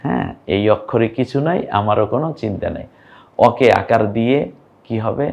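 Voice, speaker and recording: A young male teacher gives a patient recorded lesson. He draws out each syllable slowly and keeps asking the listener to say it first. His voice sits at an everyday middle pitch. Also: gravelly, darkish tone. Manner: patient, drawn-out syllables, quizzing the viewer. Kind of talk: online lesson on reading Arabic vowel marks.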